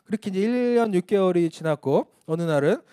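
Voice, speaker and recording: High, lively male preacher. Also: brisk, clear, resonant tone, no room sound, clean studio sound. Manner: candid, self-mocking storytelling with chuckles. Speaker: missionary preacher. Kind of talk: testimony sermon. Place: church service.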